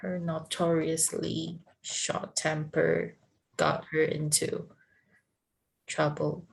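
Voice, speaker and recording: A woman who is a non-native English learner, speaking haltingly in a lesson and repeating phrases back. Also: sits low, flat delivery, vocal fry, low-quality recording. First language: not English. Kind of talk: conversational language lesson.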